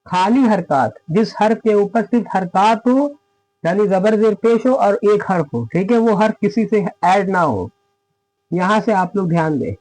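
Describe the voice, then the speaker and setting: A man's voice: sits high, expressive, unhurried, darkish tone, dry recording, rough recording. A man giving a spoken lesson on Quran reading, explaining each rule step by step and checking in with his listeners. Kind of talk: spoken lesson with recited examples.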